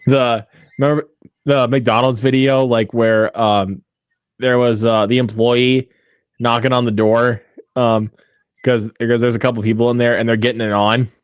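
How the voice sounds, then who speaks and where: A man's voice: mid-range voice, flat delivery, moderate pace, clean tone, no room sound. A young man chatting casually with friends during a movie watch-along, laughing often and trailing off mid-sentence. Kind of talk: casual chat among friends.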